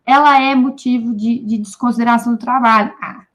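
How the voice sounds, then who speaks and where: A woman with a high, bright-pitched voice gives an informal, lively talk to a room of teachers. She turns straight to her listeners again and again and slips into short bits of staffroom dialogue to make her points. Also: brisk. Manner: animated, speaks straight to listeners. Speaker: researcher speaking at a teachers' union debate.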